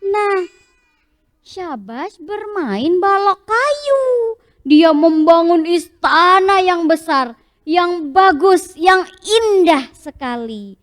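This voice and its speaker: A high-voiced woman tells a story to little children, unhurried and animated, stopping often to ask them questions. The sound is dry and close. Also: dry recording. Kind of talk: interactive storytelling for young children.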